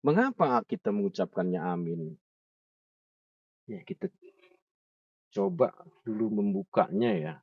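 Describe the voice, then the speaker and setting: A man teaching recitation, slowly repeating sounds and patiently correcting pronunciation. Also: lowish voice, big pitch swings, breathy edge, no room sound. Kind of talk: pronunciation lesson. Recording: muffled, distant from the mic, dry.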